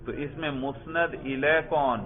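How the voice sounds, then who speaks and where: A man's voice: fairly high pitch, steady tone, a crowd in the background. A male teacher giving a classroom grammar lesson, quizzing students step by step and praising their answers. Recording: tinny phone-like sound.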